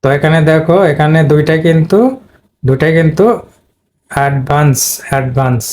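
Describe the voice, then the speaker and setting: Male teacher, slightly high, monotone delivery, faint hiss behind, patient step-by-step explainer. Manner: step by step, repeating words slowly. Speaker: English pronunciation teacher. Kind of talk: explaining at a board.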